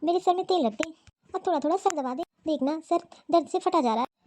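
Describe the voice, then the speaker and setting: A woman's voice: very high-pitched, fairly quick, darkish tone. A woman voicing an ailing, fussy old mother-in-law in a cartoon story; she complains and keeps calling for her daughters-in-law. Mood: pleading. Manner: complaining, calls out repeatedly.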